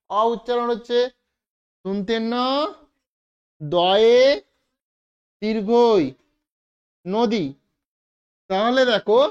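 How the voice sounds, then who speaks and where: Woman teacher spelling out words slowly. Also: on the high side, smooth. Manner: slow, step-by-step spelling out of letters. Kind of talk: classroom lesson to children. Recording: dull lo-fi recording.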